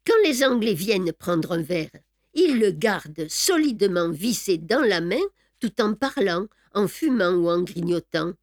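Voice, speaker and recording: A woman narrating an audiobook at a measured pace with a wry, understated delivery. Her voice sits in an ordinary middle pitch. The recording is dry and close, with no room sound. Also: animated, darkish tone, no echo.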